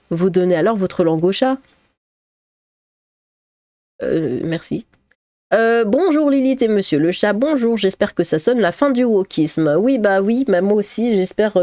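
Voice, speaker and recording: A woman reads her viewers' comments in a relaxed, faltering way, full of fillers and wry stresses on the last syllable. Her voice is mellow and on the dark side. The sound is dry and close, with no room echo. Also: mid-range voice. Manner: hesitant, many fillers and restarts, amused sarcastic emphasis. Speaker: YouTuber reading viewer comments. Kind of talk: casual commentary reading comments aloud.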